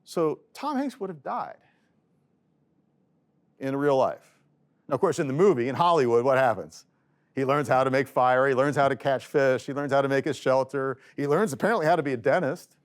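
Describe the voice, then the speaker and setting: A middle-aged man, an economics professor, giving a classroom lecture in a lively, joking storytelling manner. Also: medium pitch, normal speed. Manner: lively, joking storyteller voicing quoted arguments.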